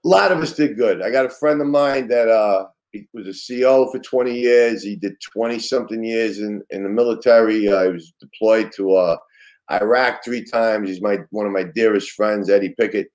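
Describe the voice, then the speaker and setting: This older or middle-aged guest, a retired detective with a Brooklyn, New York accent, talks in a lowish, darkish voice at a moderate pace. He looks back on things in a relaxed, street-smart way with loose phrasing, though the recording is poor.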